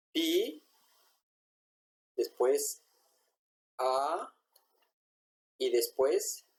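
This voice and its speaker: A man, teaching a language class at a whiteboard. He is patient and says each example word slowly, more than once. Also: medium pitch, a little mellow, rough recording.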